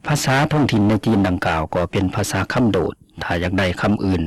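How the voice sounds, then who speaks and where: A man with a fairly low voice reads a scripted radio lesson at an even, measured pace. He pauses over each spoken example. The recording is dry and close, with no room sound. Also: no echo. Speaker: radio presenter. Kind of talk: scripted educational talk.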